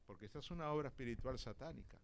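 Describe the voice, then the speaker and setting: A man from Argentina with an Argentine accent preaching a sermon, telling stories and acting out dialogue, swinging from hushed to loud. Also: medium pitch, expressive, very fast, vocal fry. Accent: Argentine Spanish. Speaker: visiting apostle preaching.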